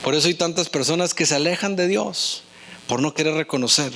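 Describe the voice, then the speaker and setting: A male pastor delivers an earnest sermon. His voice sits somewhat high for a man, and he keeps drawing the congregation in with questions. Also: fairly quick, fairly bright tone, a little hiss or hum. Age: adult with young children.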